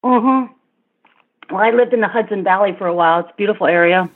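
A middle-aged woman talks through an interview, pausing and restarting as she gathers her thoughts. Her voice is a little husky, and it comes through a narrow, tinny phone line. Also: mid-range voice. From born in Vietnam, raised in Asia and Africa. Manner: thoughtful, with frequent restarts and light laughs. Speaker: interview guest.

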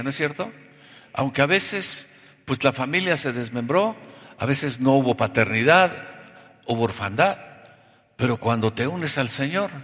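A man preaching a sermon in a church. He asks the congregation questions, has them call back the answers, and swings from soft to loud. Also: medium pitch. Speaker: pastor. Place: church hall. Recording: long reverb of a large hall.

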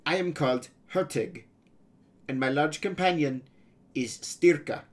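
Male reader doing a practical boy pirate taking charge; calm, earnest, a touch brighter than the narration. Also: fairly high pitch, a little slow, pitched above the performer's own voice, natural voice. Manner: earnest, matter-of-fact planning.

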